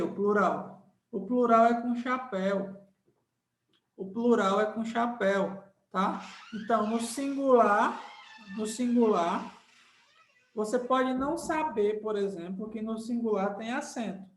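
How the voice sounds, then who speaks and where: Man, teacher, unhurried delivery, echoey room, repeats himself patiently. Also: extremely high pitch, a bit bright. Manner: patient, repeats points, keeps checking with "tá?". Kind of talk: grammar lesson.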